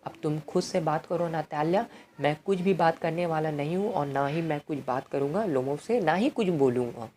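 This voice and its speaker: Low, mellow-voiced woman tutor explaining a play. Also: moderate pace, slight background noise. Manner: reads play lines aloud, then explains them conversationally. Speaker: English literature tutor. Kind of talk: explaining a play in Hindi with English quotes.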